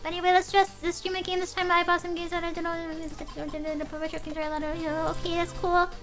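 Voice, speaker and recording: A young woman with a high, bright, sharp voice streams a game, rambling playfully between lines she reads aloud. She talks close to the mic at home, with faint game music underneath. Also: little pitch movement, fast. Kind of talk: casual live game commentary.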